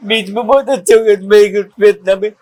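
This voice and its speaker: Old guy from central india, fairly high voice, haltingly telling what happened to him, repeats himself a lot. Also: fairly even intonation, darkish tone, rough recording. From Nagpur, India. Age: older. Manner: halting, simple storytelling with repetitions. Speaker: old age home resident. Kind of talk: personal testimony in an interview.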